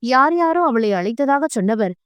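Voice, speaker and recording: Woman reading an audio novel, high-ish voice, dry close mic. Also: moderate pace, clean tone, dry recording. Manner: calm, expressive storytelling. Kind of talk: scripted narration.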